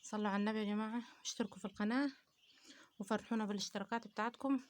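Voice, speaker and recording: Fast-talking Upper Egyptian woman vlogger. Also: medium pitch, fairly even intonation. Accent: Upper Egyptian Arabic. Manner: chatty, advising viewers directly, many pious phrases. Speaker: poultry-keeping channel host. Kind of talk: casual home vlog, talking to viewers. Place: family home with poultry.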